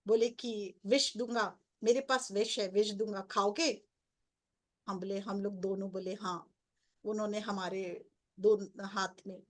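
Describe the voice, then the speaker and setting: A middle-aged woman, a spiritual coach, earnestly recounting her spiritual experiences as a personal story. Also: mid-range voice. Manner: earnest storytelling, grows excited and breathless. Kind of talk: personal testimony.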